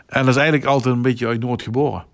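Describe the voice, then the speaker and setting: A middle-aged man with a Limburg Dutch accent, speaking reflectively and a little haltingly as a guest in a conversational interview. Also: mid-range voice, steady tone, dry recording, clean studio sound. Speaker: local broadcaster, podcast guest.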